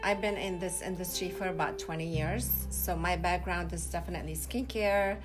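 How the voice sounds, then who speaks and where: A woman from Lebanon, an esthetician and spa co-owner, answering interview questions in a measured, matter-of-fact way. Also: fairly low pitch, steady tone, music in the background.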